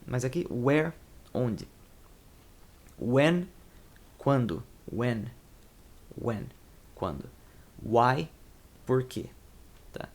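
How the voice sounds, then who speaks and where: A man's voice: medium pitch, big pitch swings, extremely slow, pauses often. A young Brazilian man with a Brazilian Portuguese accent, teaching an English lesson in a rambling, informal way and correcting himself as he goes. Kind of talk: casual explanatory lesson.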